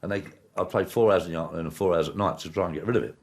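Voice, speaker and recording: Recalling his past candidly in an interview, this ex-player is blunt and matter-of-fact, his low-pitched voice racing along.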